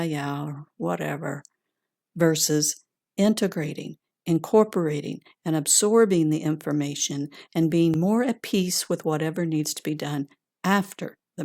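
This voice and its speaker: A woman guides a calm grounding exercise in a fairly low voice with a noticeably creaky edge. She speaks gently and deliberately, as an instructor giving soothing guidance. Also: no room sound, studio quality. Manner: slow, gentle, deliberate with long pauses.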